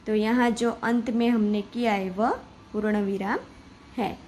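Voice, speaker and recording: A woman's voice: medium pitch, steady tone, a little slow, a little mellow, slight background noise, low-quality recording. A woman teacher, patiently explaining a grammar lesson and reading example sentences aloud. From Gujarat.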